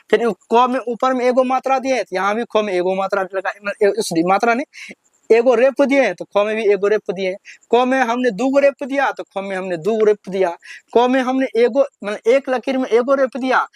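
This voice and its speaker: A woman teacher, giving a step-by-step lesson for children. She quizzes the listener and then drawls out each syllable slowly. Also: a little high, no echo.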